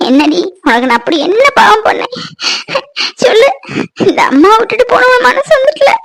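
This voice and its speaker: A woman's voice: sits high, sing-song, a little fast. A woman playing a middle-aged mother who cries and pleads with the daughter who left home. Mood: tearful. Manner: tearful, pleading, voice breaking. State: crying.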